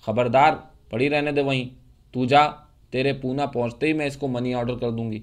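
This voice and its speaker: A fiery young woman from a storybook reading, scornful and mocking. A man acts her out. Her cutting words rise into angry shouts. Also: medium pitch, flat delivery, lightly acted. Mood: commanding.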